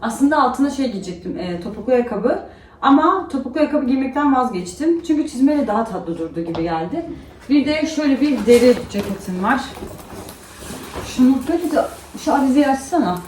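A woman's voice: sits high, lively intonation, quick pace, darkish tone. A woman and mother talking casually to camera in a home vlog, sounding tired as she vents about her day. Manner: chatty, tired and venting. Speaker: vlogger and mother. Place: at home indoors. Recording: echoey room, faint noise.

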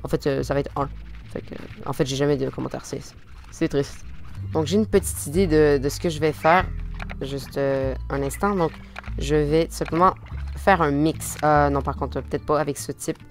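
A man with a Quebec French accent giving casual let's-play commentary, full of fillers and restarts, with sudden excited outbursts. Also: on the high side, normal speed, soft background music. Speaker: gaming video host.

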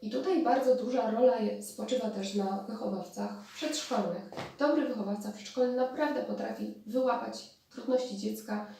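Woman, lecture style, gravelly and mellow voice, hesitant restarts, far from mic in a very echoey room. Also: a little high. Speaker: speech therapist. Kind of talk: spoken lecture on therapy methods.

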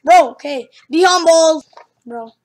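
High, excitable young woman gamer. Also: unhurried, background noise. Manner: loud, exclaiming, slangy. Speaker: gaming channel host. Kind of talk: excited casual gameplay chat.

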